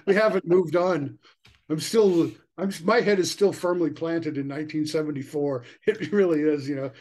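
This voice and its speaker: A middle-aged man talks from a room at home over a video call, pitched a little high for a man. He rambles with eager enthusiasm, scattering "you know" through his sentences in a casual interview chat. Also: normal speed, darkish tone. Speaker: guest musician.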